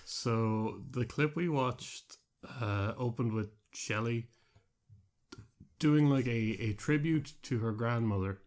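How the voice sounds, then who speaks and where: Irish man, podcast co-host, mid-pitch, amused, trails off a lot. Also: slow pace, a little mellow. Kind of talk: casual chat.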